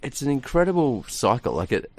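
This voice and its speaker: A man's voice: mid-range voice, very animated, brisk. A middle-aged man, a radio guest, talking in a rambling, casual way with many restarts and frequent laughs, in a studio.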